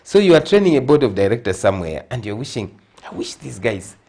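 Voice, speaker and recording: Talking quickly at medium pitch, a middle-aged man with a Zambian accent is interviewed on television as a guest consultant. His earnest manner becomes emphatic and animated.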